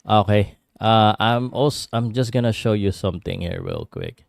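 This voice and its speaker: A man with a Filipino accent hosts a casual boxing livestream, chatting with viewers and switching between English and Tagalog in a halting way. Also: fairly low pitch, huge pitch swings, gravelly, dry recording, clean studio sound. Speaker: livestream host and boxing commentator.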